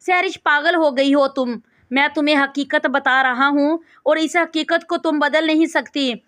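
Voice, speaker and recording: A woman voicing a stern, commanding rich young husband in a storybook, with a firm, forceful reading. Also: sits high, steady tone.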